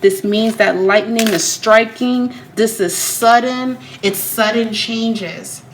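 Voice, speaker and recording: Speaking slowly in a fairly high, fairly even voice, a woman gives a tarot reading at home straight to her audience, insistent and repetitive. She's still shaking off a cold, and heavy background noise fills the clip.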